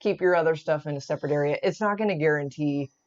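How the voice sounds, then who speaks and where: A woman's voice: low-pitched, fast, muffled recording. A woman co-hosting a gardening live stream, chatting in an upbeat way and reading out viewer comments.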